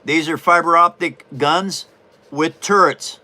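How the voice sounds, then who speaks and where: A man's voice: fairly high pitch, takes it slowly, sharp tone. A man from Washington State hosting a casual livestream while he builds a paper model, folksy and rambling with frequent chuckles. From Washington State, USA.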